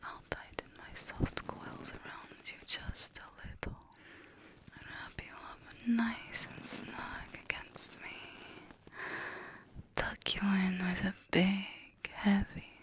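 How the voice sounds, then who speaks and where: A woman voicing a doting, furry, serpent-like monster hostess in a slow, breathy, soothing whisper. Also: mid-range voice, fairly even intonation, natural voice, poor audio. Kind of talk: whispered ASMR roleplay.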